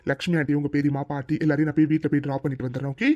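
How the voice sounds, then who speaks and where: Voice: mid-range voice, level tone, rapid-fire, darkish tone, no room sound, muffled recording, close to an everyday voice. A performer voicing a caring young husband in a cartoon story, affectionate and teasing.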